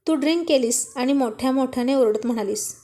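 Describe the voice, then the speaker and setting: Teasing young husband in an audio story, slow and sly, mellow tone, read by a woman. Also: high voice, close to an everyday voice.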